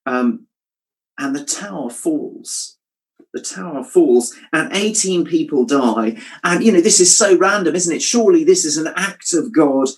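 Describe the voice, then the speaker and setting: A man delivers a reflective sermon. His voice sits a little higher than most men's, and he keeps asking the listeners questions. When he quotes scripture, he lowers his voice to a soft hush. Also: unhurried, low-quality recording. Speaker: preacher.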